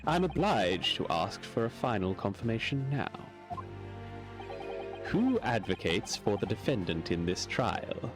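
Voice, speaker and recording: A man voicing a stern older court judge in a formal, measured way, over game music. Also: fairly low pitch, big pitch swings.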